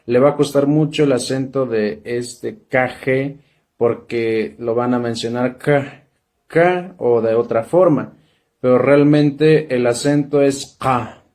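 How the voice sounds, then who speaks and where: A man with a Mexican Spanish accent teaches pronunciation in a relaxed, unhurried way. His voice sits in a middle pitch, and he speaks slowly. He pauses often and repeats sounds syllable by syllable. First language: Totonac. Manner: slow, repeats syllables and checks in with "¿sale?". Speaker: language teacher. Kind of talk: casual spoken lesson.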